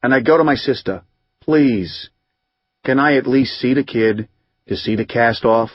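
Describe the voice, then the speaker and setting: A man reading an audiobook, voicing a rough, hot-tempered recovering drinker who rambles in profane street slang. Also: medium pitch, unhurried, no echo, dull audio, close to an everyday voice. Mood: aggrieved. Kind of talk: audiobook narration.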